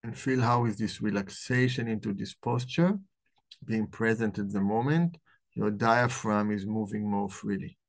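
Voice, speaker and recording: A man hosting a live book club, talking about the book and then slowly leading a guided meditation in a soft, calm voice. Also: on the low side. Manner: slow, soft-spoken guiding voice. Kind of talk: live talk.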